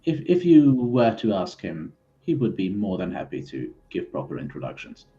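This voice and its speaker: Halting, low-voiced man, slightly muffled. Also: huge pitch swings, warm tone, slight background noise. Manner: hesitant, halting, polite phrasing. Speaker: player in a tabletop game. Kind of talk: improvised in-character game talk.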